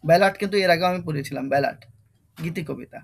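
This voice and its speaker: A man's voice: on the high side, racing, vocal fry, slightly rough. A young man with a Bengali accent teaching an online exam-prep English lesson, repeating key terms and quizzing his students.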